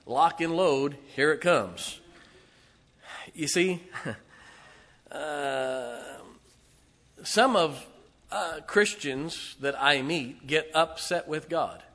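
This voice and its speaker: A man preaching a sermon as pastor, emphatic and full of rhetorical questions to the congregation, his volume swinging between loud and soft. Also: fairly high pitch, extremely slow, long pauses. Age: 40s. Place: church sanctuary. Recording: long hall reverb.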